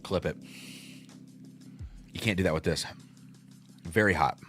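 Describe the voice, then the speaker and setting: A man's voice: low voice, unhurried, soft background music. A man in his thirties hosting a casual livestream tasting, thinking aloud and reacting to chat. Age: 30s. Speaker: host.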